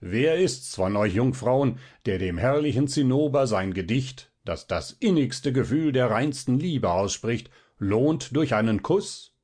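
A man's voice: mid-range voice, animated, measured pace, hardly any pauses, darkish tone, pitched above the performer's own voice. A man voicing a stout, effusive male professor in a storybook reading, talking in a theatrical, gushing way. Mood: enthusiastic.

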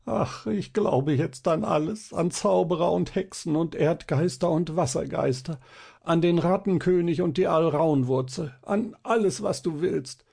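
A man's voice: fairly high pitch, fairly even intonation, a little slow, gravelly, mellow, slightly rough, full character voice. A man doing a whiny, broken young man. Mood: whining. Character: despairing young man, cursed and pitiful.

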